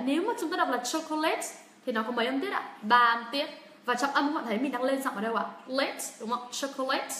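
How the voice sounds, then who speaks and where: Young woman as a livestream teacher, slow drilled repetitions, roomy sound. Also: high voice, pushed and bright, a little hiss or hum. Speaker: English pronunciation teacher. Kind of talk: livestream pronunciation lesson. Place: room during a livestream. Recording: roomy echo.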